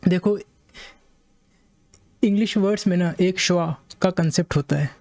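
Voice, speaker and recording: Indian man, English teacher with an Indian accent, mellow tone, measured and repetitive delivery. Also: high voice. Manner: measured, repeats points, reads English slowly. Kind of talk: explaining to viewers, reading passages aloud.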